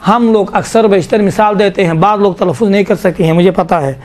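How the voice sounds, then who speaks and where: A man teaching a tajweed lesson to a class, explaining slowly, drawing out sounds and asking his students questions. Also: sits high, darkish tone. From Pakistan. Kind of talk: classroom Quran recitation lesson.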